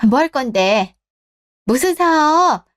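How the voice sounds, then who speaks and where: A woman's voice: sits high, big pitch swings, slow, exaggerated voice. A woman voicing a blunt, worried middle-aged mother who scolds her son in a radio drama. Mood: scolding. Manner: scolding, exasperated questions.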